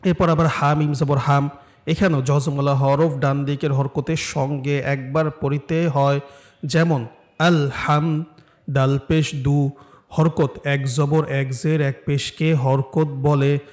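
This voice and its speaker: A man's voice: on the high side, level tone, takes it slowly, a little mellow. A man from Bangladesh teaching Quran recitation, patiently correcting students and having them repeat. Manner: patient, corrective, prompting repetition. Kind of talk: classroom lesson with live student drills.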